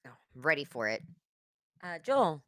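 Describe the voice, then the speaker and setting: A woman's voice: sits low, very animated, measured pace, noisy background. Upbeat woman hosting a voice call. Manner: upbeat, teasing, keeps the call moving. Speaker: host of a voice-acting live read. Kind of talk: casual chat introducing the cast. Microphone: video call microphone.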